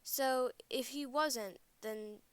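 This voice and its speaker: A woman's voice: fairly high pitch, extremely slow, clean tone, no room sound. A woman narrating a true scary story in first person, plain and a little hesitant, correcting herself as she goes.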